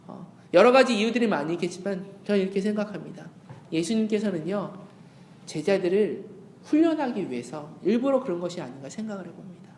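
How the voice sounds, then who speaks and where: A man's voice: high voice, slight background noise. Male pastor preaching in an echoey church. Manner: earnest preaching, softens to a hush when quoting Jesus. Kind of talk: sermon. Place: church sanctuary.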